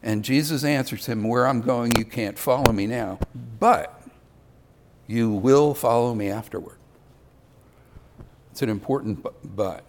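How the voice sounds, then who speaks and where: A man's voice: mid-range voice, moderate pace, a little mellow, slight background noise. Older guy preaching, chatty and easygoing, pokes fun at himself. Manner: conversational, self-deprecating asides. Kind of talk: sermon.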